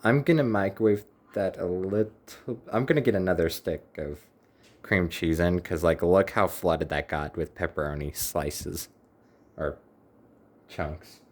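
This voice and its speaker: A man's voice: low voice, unhurried. A man chatting casually to the camera while cooking in his home kitchen, rambling with wry little asides. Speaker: home cook, channel host.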